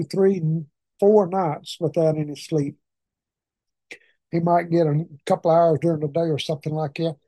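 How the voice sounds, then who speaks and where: A preacher from Arkansas in the southern United States leads a prayer meeting, talking to his congregation in a folksy, informal way with a Southern accent. His voice is a little high with a dark tone, captured in a dry recording.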